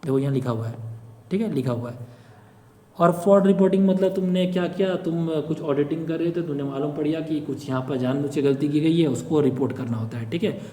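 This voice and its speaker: In an informal screen-share lecture, a man tutors students for a government exam, going step by step, checking in often, and using everyday examples. His voice is a little high, fairly quick, and mellow. The room is echoey with a long reverb.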